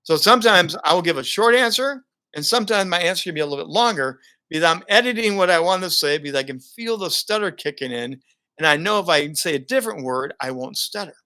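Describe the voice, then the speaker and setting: Laughing often, this middle-aged guest, a broadcaster and keynote speaker, spins animated stories in a casual interview. He talks fast, in a slightly high voice.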